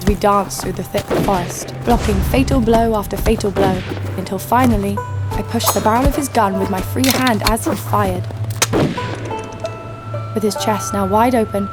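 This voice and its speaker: Loud music sits behind a mid-range female voice at a moderate pace: an actress, lightly acted, playing a tough young fighter who narrates her story with dry defiance in an audio drama. Background noise and ambience are clearly audible.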